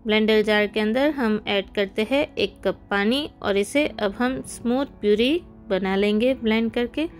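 A woman's voice: medium pitch, measured pace, hardly any pauses. A woman hosting a cooking channel, giving friendly step-by-step recipe instructions in a voice-over. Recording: soft background music.

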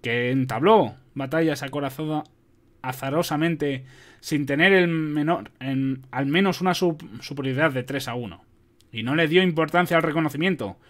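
Young cadet in a storybook reading, as a man puts him on, earnest recitation, a touch higher. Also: moderate pace, close to an everyday voice. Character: eager young male military cadet reciting.

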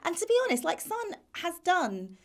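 A woman's voice: very high-pitched, very animated, normal speed. A woman co-hosting a football fan show in casual, chatty talk, laughing often. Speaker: co-host of a football fan channel. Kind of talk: casual chat.

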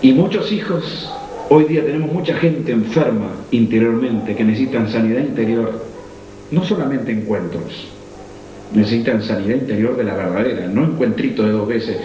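A middle-aged man with a Rioplatense Spanish accent preaching a sermon, swinging between high fervent cries and low intimate tones. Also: normal speed, mellow. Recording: echoey room, faint ambient noise.

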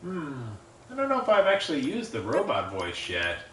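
A man thinks aloud as he plays, reading viewers' chat and chuckling now and then. His voice sits a little high. It sounds roomy and off-mic, with faint background noise. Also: huge pitch swings, moderate pace, a bit bright, far from the mic. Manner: musing, reads chat aloud, laughs often. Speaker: livestream gamer. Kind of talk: casual gameplay commentary.

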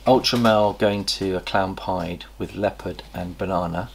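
This middle-aged man speaks in a low, gravelly voice with a breathy edge and fairly even intonation. He hosts a casual, chatty snake-breeding vlog from an indoor reptile room, enthusiastic and pausing to recall details. A camera across a table captures him.

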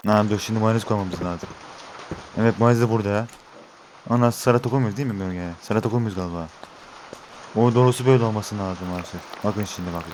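A man's voice: on the low side, fast, background noise. A young Turkish man giving let's-play commentary, talking to his viewers and getting frustrated with the game. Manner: exasperated, talks to viewers as he plays. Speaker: gaming YouTuber.

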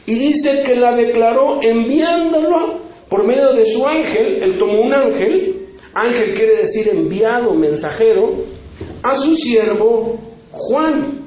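A man in his fifties preaching at a conference, his voice sitting high for a man. He tells his story in a loose, chatty way, tossing in little tag questions. The hall rings with heavy echo and the sound is a bit dull. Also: expressive, takes it slowly, darkish tone, slight background noise. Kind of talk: conference sermon testimony.

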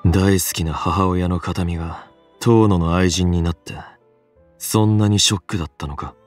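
A man's voice: deep voice, fast talker, close to an everyday voice. A man voicing a guarded young man in a visual novel, asking level, probing questions over game music. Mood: questioning. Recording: faint game music behind.

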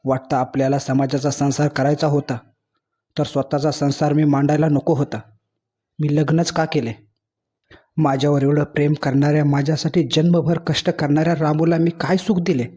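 A man voicing a grieving husband in a spoken story, gentle and remorseful in tone. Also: on the high side, flat delivery, moderate pace, slightly rough.

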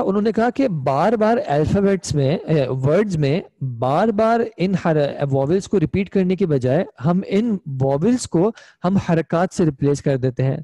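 In a dry recording, a young man's high, dark-toned voice leads an online Arabic grammar class. He is patient, lays things out step by step, and keeps checking with his students by asking "ठीक है?".

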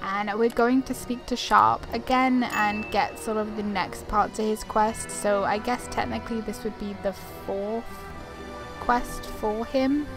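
A gaming video creator gives casual, chatty commentary while playing through a video game, reading the dialogue options aloud. Her voice is medium-pitched, a little slow and fairly even in intonation, with game music playing behind it.

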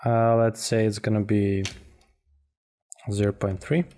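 A man narrating an informal software tutorial as instructor, speaking haltingly and often repeating words. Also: fairly low pitch, flat delivery. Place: voice-over for a screen recording.

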